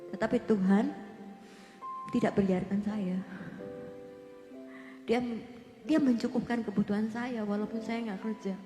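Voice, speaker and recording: A woman's voice: mid-range voice, steady tone, measured pace, pauses often. A middle-aged woman speaks emotionally to a congregation, often addressing them directly as she gives her testimony. Her voice rings through a reverberant church hall, with faint instrumental music underneath.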